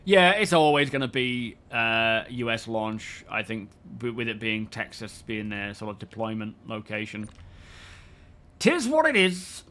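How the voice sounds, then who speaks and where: A man's voice: on the low side, moderate pace, few pauses, bright, forceful tone. Chatty man live-streaming a game. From United Kingdom. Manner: rambling, greets chat viewers by name. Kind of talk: casual chat while playing a game.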